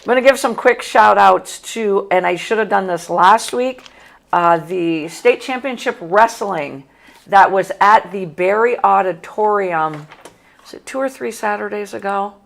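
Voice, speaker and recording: A woman's voice: mid-range voice, a little slow, vocal fry, a bit bright. A woman hosting a casual sports talk show, an ex-coach who talks in a chatty, emphatic way. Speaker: sports talk host and former basketball coach.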